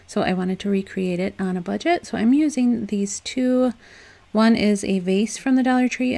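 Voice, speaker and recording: A young woman with a medium-pitched, creaky voice chats through a home craft tutorial as a DIY home decor vlogger. Her casual voice-over is chatty and upbeat, with soft laughs and loose restarts.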